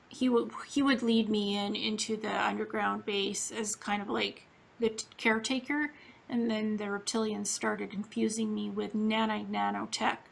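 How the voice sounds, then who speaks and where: A woman's voice: medium pitch, gravelly, a bit bright. A woman from Ukraine interviewing a guest in a casual, earnest, matter-of-fact way.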